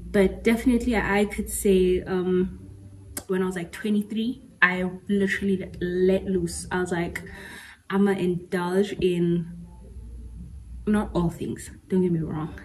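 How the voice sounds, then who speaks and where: Casting: woman in her twenties, mellow tone, candid storytelling chat with easy laughs, faint room noise. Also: fairly low pitch, steady tone, measured pace, low-quality recording. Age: 20s. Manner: candid, chatty, laughs often, mixes in Sesotho slang. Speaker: podcast host. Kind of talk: casual personal chat.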